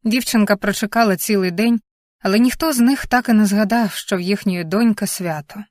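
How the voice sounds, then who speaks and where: A woman narrating a novel calmly and steadily, at a middle pitch for a woman. The recording is dry and close, with no room sound around her. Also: dry recording. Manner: calm, measured storytelling. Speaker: audiobook narrator. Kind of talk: scripted narration.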